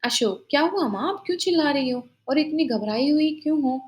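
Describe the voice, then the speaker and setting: A woman's voice: high voice, lively intonation, a little fast, lo-fi sound, pitched above the performer's own voice. A woman voicing a worried young man, a son anxious about lost money.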